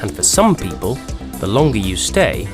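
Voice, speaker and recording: A man reads a scripted documentary narration in a clear, measured way. His voice sits on the low side and rises and falls a great deal. Music plays steadily beneath him. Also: very animated. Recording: voice-over with music underneath.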